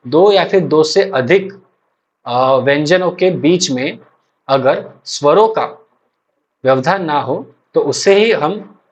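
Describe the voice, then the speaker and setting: A young man, teaching an exam-prep lecture and repeating points slowly with frequent check-ins. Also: fairly high pitch. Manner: explains slowly with many repetitions and check-ins. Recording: dull lo-fi recording.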